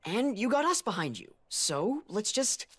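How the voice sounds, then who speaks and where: Game role: earnest, easygoing teen boy, husky, animated, swooping delivery. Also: sits high, unhurried, heavily acted. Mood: encouraging. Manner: eager, casual, animated. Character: earnest, excitable, easygoing teenage boy, loyal buddy. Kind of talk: scripted video game acting.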